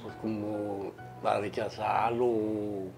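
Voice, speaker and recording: Older father giving halting advice. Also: on the low side, little pitch movement, creaky, darkish tone, soft background music, poor audio. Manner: halting, rambling advice with many restarts and tag questions. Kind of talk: casual family interview.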